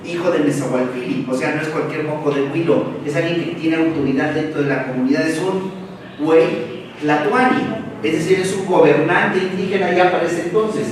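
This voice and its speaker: A Mexican man lectures a seminar in a big, echoey room, standing well back from the mic. His voice sits a little high for a man. He drives his points with rapid rhetorical questions and slangy asides, over a faint hiss of background noise. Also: distant mic. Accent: Mexican Spanish.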